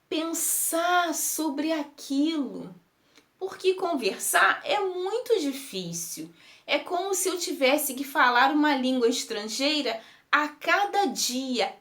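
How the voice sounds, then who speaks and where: A woman reading a first-person text aloud, slow and emotive, lingering on words. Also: high voice, fairly bright tone. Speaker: reader. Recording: roomy echo.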